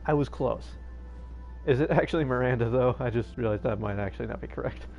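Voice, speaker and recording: A fast-talking man with a medium-pitched, creaky, slightly mellow voice is heard in lo-fi sound over soft background music. Streaming a game, he chats loosely and haltingly into his own plugged-in streaming microphone, often restarting and using fillers.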